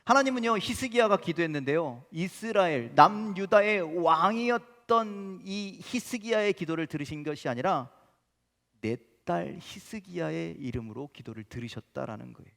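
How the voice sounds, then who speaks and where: Animated male pastor preaching with long church reverb. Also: sits high, gravelly. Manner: animated, emphatic preaching with sudden loud rises. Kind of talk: sermon. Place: church sanctuary.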